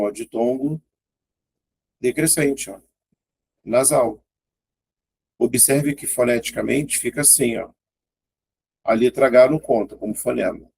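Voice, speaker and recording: A man's voice: medium pitch, a little slow, creaky, pauses often, a little mellow, breathy edge. A man with a Brazilian Portuguese accent teaching an exam-prep grammar lesson in a casual, chatty way, often pointing things out and checking in with his students.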